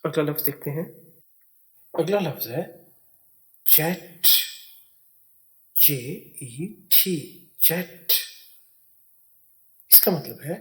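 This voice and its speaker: A man's voice: a little high, expressive, slow, long pauses. A man teaching English spelling and pronunciation, spelling words out letter by letter. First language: Urdu.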